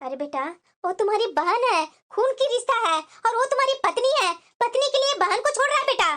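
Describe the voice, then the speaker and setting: A woman voicing an elderly mother who softly pleads with her son in a cartoon family drama. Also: extremely high pitch, expressive, a little fast. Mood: pleading. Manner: soft, pleading. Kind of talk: cartoon voice acting.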